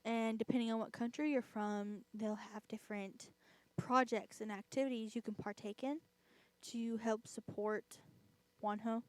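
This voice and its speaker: A woman's voice: on the high side, fairly even intonation, normal speed, a little mellow, dry recording. A woman vlogger chatting casually, rambling and filling her talk with "I mean" and self-mocking laughs. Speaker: vlogger and host. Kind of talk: casual chat.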